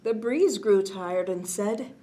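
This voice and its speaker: A slight hiss or hum sits under a woman's slow, mid-range voice as she hosts a children's bedtime storytime. She reads a picture book gently and expressively, making casual asides and often dropping to a near-whisper.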